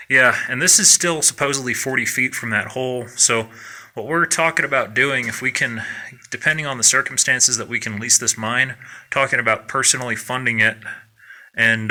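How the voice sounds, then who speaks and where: A man hosting a mining video, giving a casual, plain-spoken walkthrough inside an underground mine tunnel and often pausing on fillers. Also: mid-range voice, sharp tone. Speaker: mining vlog host.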